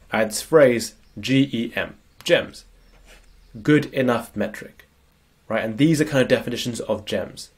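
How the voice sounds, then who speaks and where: Mid-range and a little mellow with a breathy edge, this man's voice carries a cold's sniffles. The productivity coach chats through a screen-share slide lecture, often checking in with "right?"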